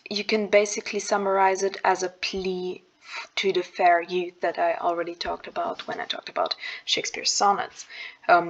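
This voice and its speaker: A young woman giving a casual lesson on verse, pausing on fillers and correcting herself as she goes. Her voice sits on the lower side, and her intonation barely rises or falls. She sounds like a student sharing her own study method. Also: gravelly, dull audio. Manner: thinking aloud, with frequent fillers and self-corrections. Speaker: student explaining a poem. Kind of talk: casual explanatory lesson over slides.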